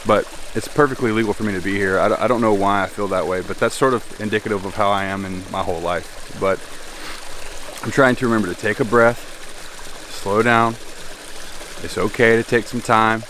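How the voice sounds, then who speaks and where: A man's voice: fairly low pitch, a bit bright, a little hiss or hum. A man in his thirties vlogging alone outdoors, talking to himself in a reflective, hesitant way, with the camera held at arm's length. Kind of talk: casual solo vlog narration. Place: outdoors in a forest by a stream.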